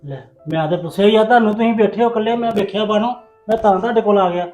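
A puzzled grown son, played by a man in a family web drama, pressing his mother with quick questions and mild exasperation. Faint music sits behind him. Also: sits high, darkish tone, lightly acted, rough recording. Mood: questioning.

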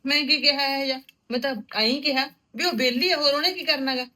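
Woman doing a nosy mouthy village mom, high bright voice, talks fast. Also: fairly even intonation. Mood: sharp, meddling. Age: middle-aged. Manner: sharp-tongued, meddling, stubborn. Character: meddling outspoken middle-aged village mother. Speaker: visiting mother of a married daughter. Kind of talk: rural village drama acting.

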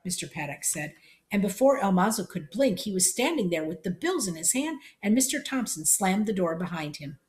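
A woman reading a storybook chapter aloud in plain, steady narration. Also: lowish voice.

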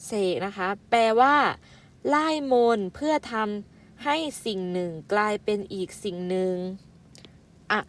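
A primary school teacher, a woman, reading out vocabulary syllable by syllable for young pupils, with gentle polite fillers and a motherly way of addressing them. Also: medium pitch, lively intonation, unhurried. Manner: spells out words syllable by syllable and adds polite "na kha" fillers. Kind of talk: slow, careful vocabulary lesson for young children.

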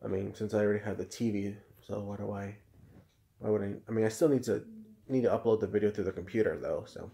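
Rambling low-voiced man hosting a reaction video. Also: fairly even intonation, quick pace, gravelly, warm tone. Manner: rambling, restarts sentences often. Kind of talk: casual reaction commentary. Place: at home indoors.

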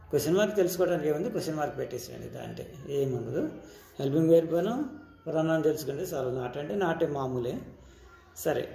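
A man's voice: mid-range voice, vocal fry, dark tone, echoey room, a little hiss or hum. A man with a Telugu accent teaching English grammar step by step, checking in with his students as he goes. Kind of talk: classroom-style grammar lesson.

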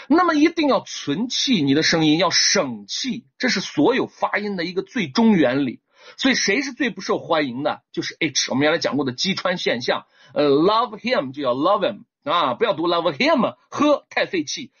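Animated male English teacher, lo-fi stream. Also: breathy edge. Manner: animated, asks viewers to type one; lively with sudden high exclamations. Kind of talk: livestream lesson. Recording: dull lo-fi stream audio.

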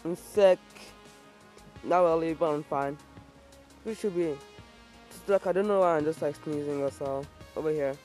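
A fairly high-voiced man talks over his gameplay, quick to get worked up and to mock his own mistakes. He swears at the game now and then, speaking into a desk mic with faint game music underneath. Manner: excitable, self-mocking, swears at the game. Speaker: gaming YouTuber. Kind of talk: let's-play commentary.

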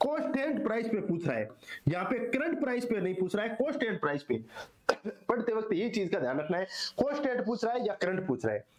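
A hoarse man teaching an exam-solution lecture, repeating answers and asking and answering his own questions. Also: high-pitched. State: hoarse, strained throat. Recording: echoey room.

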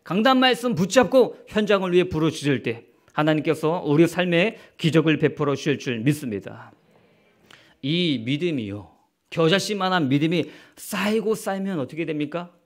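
A man's voice: on the high side, expressive, normal speed. A male pastor preaching a sermon. He asks the congregation rhetorical questions and acts out the voices of people in the stories he tells. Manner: acts out quoted speech in the story.

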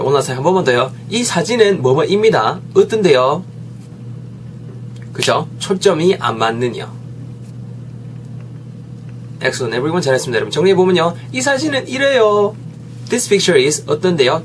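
Man, English teacher, lively, slow repeated examples, a bit high-pitched. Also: slight background noise. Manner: lively, repeats phrases slowly for learners. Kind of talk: English lesson.

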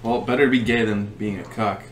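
A man's voice: fairly low pitch, a crowd in the background. A young man co-hosting a podcast in casual chat, riffing jokes and acting out quotes. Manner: jokey, acts out quotes, quick riffs. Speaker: podcast co-host. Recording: echoey room with steady noise.

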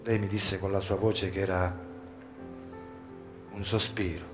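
A man performing a dramatic first-person monologue at a live outdoor show, moving between hushed low passages and urgent shouts. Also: flat delivery, measured pace, music in the background. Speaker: stage reader of a monologue. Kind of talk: theatrical first-person storytelling. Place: outdoor garden stage.

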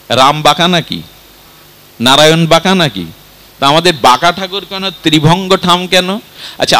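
Bright-voiced man preaching with rhetorical questions. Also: on the high side, low-quality recording. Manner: rhetorical questions, swings between soft and loud. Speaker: Vaishnava preacher. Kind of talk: devotional sermon.

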